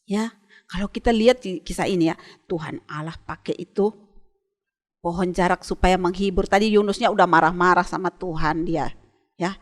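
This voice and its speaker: A woman's voice: on the low side, normal speed. A woman Sunday school teacher retelling a bible story for children and asking them questions. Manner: lively, asks children questions.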